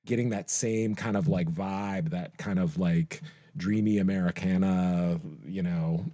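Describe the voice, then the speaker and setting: A man's voice: low voice, steady tone, a little slow, mellow, no echo, studio quality. A man co-hosting a podcast, chatting loosely about music with lots of "like" and "you know". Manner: rambling, full of "like" and "you know". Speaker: podcast co-host. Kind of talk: casual music discussion.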